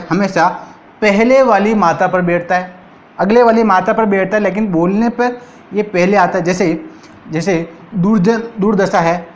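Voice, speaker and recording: Rajasthani guy teaching hindi grammar, highish voice, says every word twice and keeps asking the class. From India. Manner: repeats each word slowly and asks the class questions. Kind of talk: exam-prep grammar lesson.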